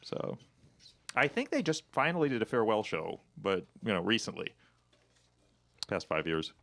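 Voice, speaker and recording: A middle-aged man hosts a casual band interview, his fairly low voice bright and ringing. He rambles into wry jokes and anecdotes, with a lively, up-and-down delivery that keeps the chat loose. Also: moderate pace, gravelly. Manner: chatty, rambling, wry joking. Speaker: radio session host.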